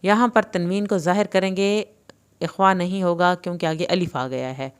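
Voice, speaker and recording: Female recitation teacher with an Urdu accent, crisp clear voice, explains then recites slowly. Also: on the low side, steady tone. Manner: clear explanations alternating with slow drawn-out recitation. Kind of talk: tajweed lesson, explaining and reciting.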